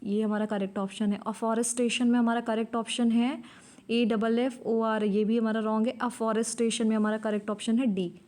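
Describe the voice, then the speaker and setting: A woman's voice: fairly high pitch, level tone, normal speed, a little mellow. A woman teacher giving a spelling lesson, spelling words out letter by letter and repeating them. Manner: repeats key words and checks understanding. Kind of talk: spelling lesson, mixing English terms into Hindi.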